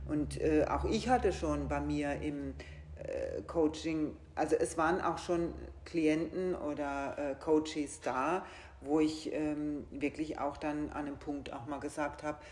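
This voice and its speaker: Speaking slowly in a low, steady, somewhat mellow voice, this woman is a coach who hosts a podcast and has a German regional dialect. Her casual conversation is hesitant and reflective, full of fillers, captured in an echoey room.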